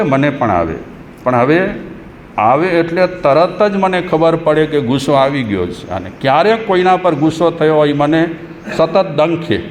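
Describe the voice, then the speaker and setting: A man, a Jain monk, giving a sermon in a conversational, humorous way and chanting verses in between. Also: medium pitch. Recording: echoey hall with faint noise.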